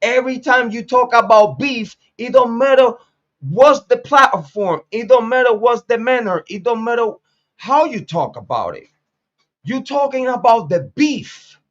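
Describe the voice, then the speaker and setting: A blunt, profane man in his late forties from Puerto Rico hosts a street commentary monologue. His voice sits high for a man, and he hammers points home by repeating them. The sound is dull and lo-fi. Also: animated, a little slow, fairly bright tone. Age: 40s. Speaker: commentary channel host.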